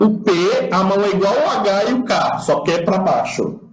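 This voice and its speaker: A man's high, expressive voice comes through reverberant, poor-quality audio at normal speed. With a Brazilian Portuguese accent, he gives an online lecture on the sign alphabet, explaining patiently step by step and demonstrating as he talks.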